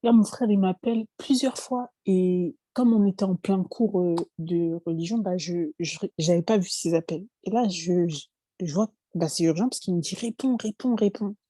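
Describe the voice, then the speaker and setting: A woman's voice: fairly low pitch, moderate pace, dark tone, no echo. A woman in her twenties giving a hesitant, emotional personal testimony, often apologizing and restarting.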